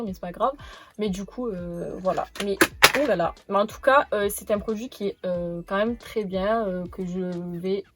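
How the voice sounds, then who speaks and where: A young woman presenting beauty products in a casual haul video, rambling with many fillers and restarts. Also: medium pitch. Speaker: beauty vlogger.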